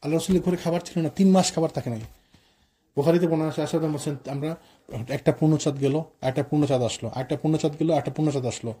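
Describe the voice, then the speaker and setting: A man delivers a sermon in a mosque, moving between quoted prayers and casual asides to his listeners. His voice sits a little high, yet it sounds very dark and husky. He talks at a fast clip. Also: steady tone. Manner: conversational, mixes quoted prayers with colloquial asides. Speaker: preacher. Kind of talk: sermon on the life of the Prophet.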